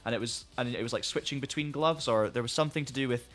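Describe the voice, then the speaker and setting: Speaking fast in a mid-range, fairly bright voice, a man chats casually on his live stream. He works through viewer comments with plenty of friendly rambling and false starts, and says he is losing his voice.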